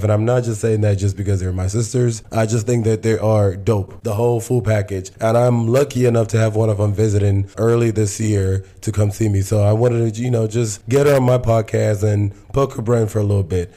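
A man with a hoarse voice hosting a podcast in a conversational style. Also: fairly low pitch, warm tone. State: hoarse voice from inflamed sinuses. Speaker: podcast host.

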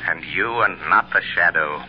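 An actor playing the Shadow, a mysterious male crime-fighter who speaks slowly and commandingly, in 1930s radio drama style. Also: sits low, natural voice. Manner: slow, menacing, commanding. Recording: dull, hissy 1930s radio broadcast.

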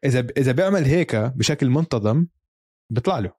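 Male sports co-host, Levantine Arabic accent, quick casual delivery, English jargon mixed in, dry close sound. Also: medium pitch, expressive, darkish tone, husky, no echo. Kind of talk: casual basketball chat.

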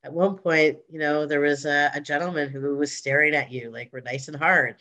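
A woman's voice: sits low, fairly even intonation, moderate pace, sharp tone. A woman co-hosting a podcast, chatting casually in an easygoing way. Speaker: podcast co-host. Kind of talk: casual chat.

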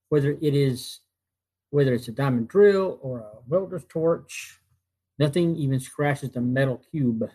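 A man in his fifties hosting a retrospective, narrating from notes in a halting way and often repeating phrases. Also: medium pitch, darkish tone, poor audio. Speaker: host. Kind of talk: semi-scripted narration of TV show retrospective.

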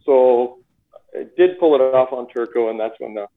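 A man's voice: mid-range voice, moderate pace. A man, a former hockey player and coach, telling stories in a casual interview, often laughing and repeating words. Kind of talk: casual interview over a call. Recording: tinny phone-line audio.

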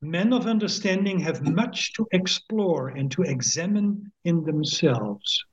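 An older man from the Netherlands, a guest author and emeritus professor, speaks with a Dutch accent in a podcast interview. His husky voice sits somewhat high for a man, and he talks very slowly and thoughtfully, hesitating with many fillers, pauses and restarts, including a slow, measured reading of translated poetry. The audio is dull and lo-fi.

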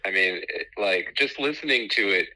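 A man's voice: sits low, animated, moderate pace, pushed and bright, rough recording. A man calling in, heard over a phone on speaker, upbeat and friendly in casual chat. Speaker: caller.

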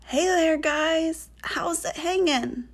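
A woman's voice: very high voice, slow pace, voice pushed up, full character voice. A woman voicing a cheerful, friendly male toad who wants to surf. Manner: laid-back, upbeat.

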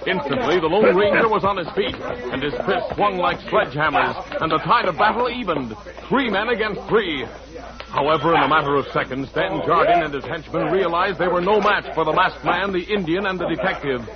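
A man's voice: a little high, brisk, over a noisy crowd, natural voice. An American man narrating an old radio western in a dramatic scripted style, on a muffled broadcast recording.

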